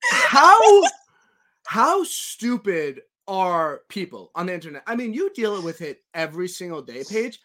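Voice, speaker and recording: A man's voice: high voice, sing-song, moderate pace, hardly any pauses, a bit bright. A man hosting a podcast, chatting casually and teasing his guest with jokes and stammered restarts. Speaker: podcast host.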